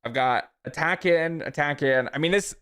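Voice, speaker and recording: While streaming a card game, a man in his thirties chats casually with viewers and thinks his plays through aloud. His voice is on the high side, clean and a bit bright, at a normal pace.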